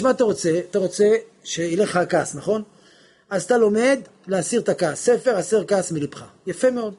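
Male rabbi-preacher, high husky voice, fervent sermon delivery that jumps from quiet to loud. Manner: impassioned, swings from hushed to shouting, acts out dialogues. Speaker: rabbi teaching on prayer. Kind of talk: religious lesson, sermon.

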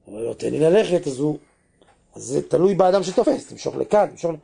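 A male preacher delivering an impassioned sermon, his voice gravelly and husky. His pitch swings widely as he repeats phrases for emphasis and bursts into exclamations. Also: animated, mellow.

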